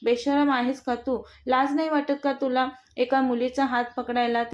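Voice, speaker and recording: A woman's voice: sits high, level tone, normal speed, natural voice. A woman voicing a fiery young wife in a storybook reading, indignant and scolding. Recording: dull lo-fi recording.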